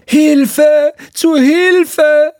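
Man doing a shrill, panicked old lady. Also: fairly even intonation, moderate pace, dark tone, no echo, studio quality. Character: frantic old woman shrieking for help.

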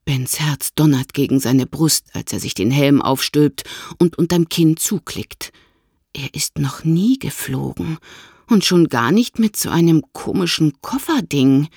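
Narrator: woman, low husky voice, slow expressive children's audiobook reading, dry close recording. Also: no room sound. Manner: expressive storytelling.

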